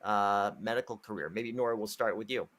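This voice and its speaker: A man's voice: fairly low pitch, brisk, a bit bright. A man hosting an interview podcast, asking questions in a loose, friendly way with restarts. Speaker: podcast host.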